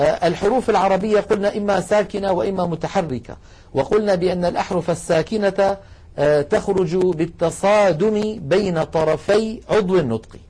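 Man, high voice, husky, teacher explaining to students, slow demonstrations. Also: a little mellow. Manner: explanatory, slows down to demonstrate sounds; addresses students directly, asks them to try along. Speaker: Quran recitation teacher. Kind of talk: classroom lecture on tajweed.

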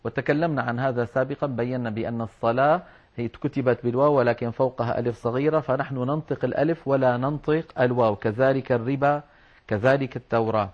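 A man's voice: mid-range voice, steady tone. Patient man teaching recitation. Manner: patient, explanatory, slows down to demonstrate words. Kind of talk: religious lesson on Quran script and recitation. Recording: dull lo-fi recording.

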